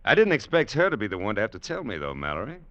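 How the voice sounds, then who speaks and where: A hard, wry gunslinger who narrates his own story. He speaks in clipped lines with a somewhat low voice. The sound is muffled, like an old radio broadcast. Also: wildly swooping pitch, racing, fairly bright tone, dry recording. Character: hard, tough young gunslinger. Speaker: narrator and lead. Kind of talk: old-time radio drama acting. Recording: dull old radio recording.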